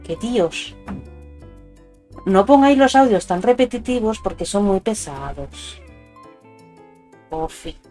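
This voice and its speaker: A woman from Spain with a Spanish accent chats casually and affectionately with viewers while livestreaming a video game, addressing them with endearments. Her mid-range voice is expressive, slow, and dark in tone, with frequent pauses. Game music and stream sound alerts play behind her.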